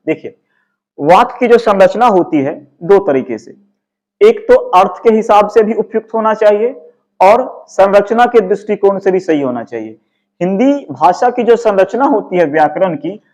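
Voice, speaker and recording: A man's voice: high voice, a little mellow. A male teacher with a Hindi accent from Bihar, explaining exam answers and posing questions he then answers himself. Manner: explanatory, asks and answers his own questions.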